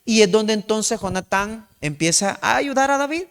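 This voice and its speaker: A man's voice: sits high, expressive, normal speed, fairly bright tone, smooth. A male pastor preaching a sermon, retelling the story and repeatedly calling the listener his beloved brother.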